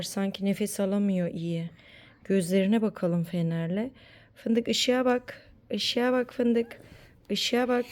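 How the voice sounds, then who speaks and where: A woman's voice: medium pitch, a little mellow. A mother talking playfully with her sick young son, coaxing and sing-song. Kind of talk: casual play with a child.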